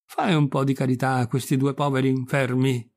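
A man's voice: medium pitch, level tone, fairly quick, darkish tone, no echo, studio quality, natural voice. A man reading the part of an old, sly fox begging in an audiobook, with a whining, wheedling tone.

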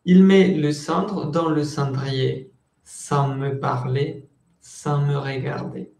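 A man teaching a French class in Spanish, slowly repeating words and switching between languages while calling on students by name. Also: a little high, fairly even intonation, a little mellow, roomy sound. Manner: slow, patient, repeats words to drill pronunciation.

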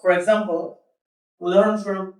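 A man's voice: high-pitched, little pitch movement, slow pace, a little mellow. A man from Bangladesh, teaching an English pronunciation class and drilling students with questions and repetition. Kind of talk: classroom lesson. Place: madrasa classroom. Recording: echoey classroom from a distance.

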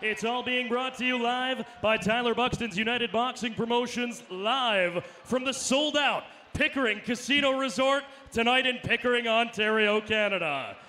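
A man working as a boxing ring announcer, booming drawn-out introductions with bits of Spanish. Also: pushed and bright. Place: arena.

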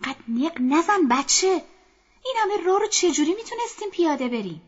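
A woman's voice: a little high, close to an everyday voice. A woman voicing an irritated, tired mother who scolds her child sharply, in a dull lo-fi recording. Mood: scolding.

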